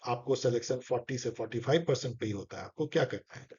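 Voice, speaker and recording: A man's voice: medium pitch, fast talker, a little mellow, husky. Hindi-speaking male tutor, dull recording. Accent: Indian English in Hindi talk. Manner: conversational, coaxing, repeats key phrases. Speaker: exam tutor. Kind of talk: explaining exam questions.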